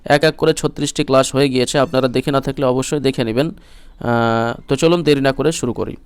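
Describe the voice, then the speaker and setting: A man teaching Quran reading, with quick explanations between slow chanted verses. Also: medium pitch, steady tone, smooth, no echo. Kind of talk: Quran recitation lesson.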